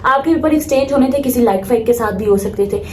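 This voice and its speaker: Speaking fast in a high, darkish voice, a late-teen Pakistani student vlogger addresses her viewers casually. She's emphatic and full of opinions, dropping in English phrases, and the sound is roomy with a faint noise underneath.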